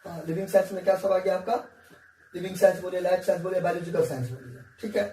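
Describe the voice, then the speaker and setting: A man's voice: high voice, level tone, fast, dark tone. A male teacher, giving a whiteboard science lesson in a coaxing, repetitive way and often checking that students follow. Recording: echoey room, distant mic, faint hiss.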